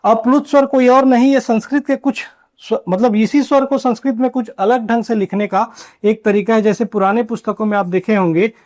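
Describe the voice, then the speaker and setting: A man teaching a grammar lesson at a board, asking questions and answering them himself, and drawing out key terms slowly. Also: very high-pitched, steady tone, a little mellow. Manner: asks and answers his own questions. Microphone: writing on a board while teaching.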